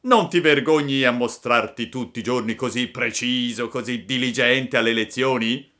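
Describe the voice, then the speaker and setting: A man's voice: medium pitch, moderate pace, bright, forceful tone, voice pushed up, natural voice. A man voicing a gang of bullying schoolboys in a storybook reading, taunting and threatening.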